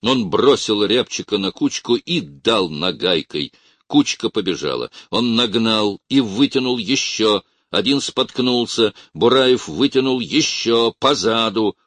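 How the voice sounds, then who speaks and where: Man reading an audiobook, slow and lively, low voice. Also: no echo. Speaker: narrator.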